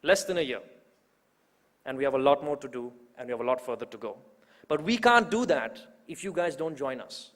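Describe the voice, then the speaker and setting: Speaking briskly with lively intonation, this young organizer in his twenties warms up a political crowd before the main speaker, stacking repeated phrases for emphasis. His medium-pitched voice is a bit bright and rings out with long reverb through a big hall.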